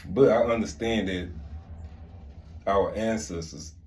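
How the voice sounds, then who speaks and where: A man's voice: on the low side, takes it slowly, a little mellow, a little hiss or hum. A middle-aged man, telling stories casually in rambling, repetitive, slangy talk. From Mississippi, United States. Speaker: vlog host and storyteller. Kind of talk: casual storytelling chat.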